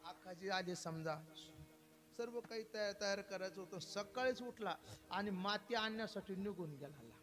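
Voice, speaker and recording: A man's voice: high-pitched, normal speed, faint music behind. A man giving a devotional kirtan sermon, telling a story and putting rhetorical questions to his listeners. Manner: animated preaching, asks the crowd rhetorical questions.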